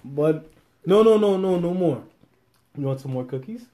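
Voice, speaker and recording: Man co-host, young adult, mellow slightly high voice, relaxed and chatty. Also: moderate pace. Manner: relaxed, chatty, with filler words. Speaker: podcast co-host. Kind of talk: casual chat.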